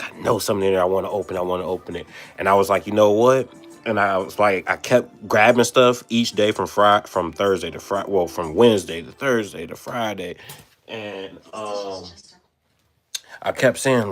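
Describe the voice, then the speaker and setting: A young man hosting a card-opening vlog, excited, exclaiming and stammering over his pulls. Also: deep voice. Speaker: card-opening channel host.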